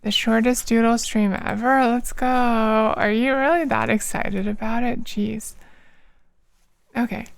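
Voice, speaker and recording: A woman's voice: on the high side, steady tone, measured pace, vocal fry, clean tone. A tired woman streamer chatting casually with her viewers while she draws, rambling with lots of fillers. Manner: rambling, many fillers, soft laughs.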